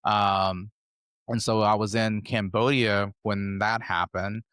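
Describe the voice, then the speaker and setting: Low-voiced American man telling travel stories. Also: fairly even intonation, slow, fairly bright tone, clean tone, dry recording, clean studio sound. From United States. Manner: rambling, conversational, loosely strung anecdotes. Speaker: podcast guest. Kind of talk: casual interview storytelling.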